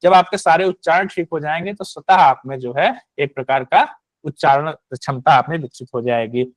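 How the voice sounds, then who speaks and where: A man teaching an online class, explaining slowly and emphatically and often checking in with the listeners by asking "है ना". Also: on the high side, dry recording. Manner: didactic, repeats points with "है ना" tag questions. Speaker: Sanskrit and astrology teacher.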